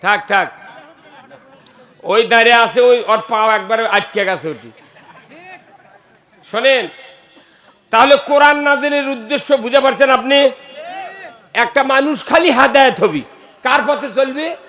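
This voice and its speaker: A man preaching a sermon with a North Bengal Bangla accent, fiery and shouting, often asking the crowd questions. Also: extremely high pitch, unhurried, long pauses.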